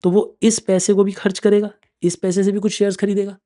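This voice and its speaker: A man's voice: high voice, level tone, a little fast, mellow. A man in his thirties giving a classroom lecture on finance, explaining step by step, checking often that students follow and calling them affectionately. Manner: calls students affectionately "beta" and "bachchon". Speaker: finance exam teacher.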